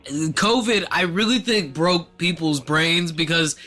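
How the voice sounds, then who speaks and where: A man co-hosting a casual podcast, talking in an animated, profane way, laughing often and slipping into quick impressions. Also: a little high, faint music behind. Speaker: podcast co-host.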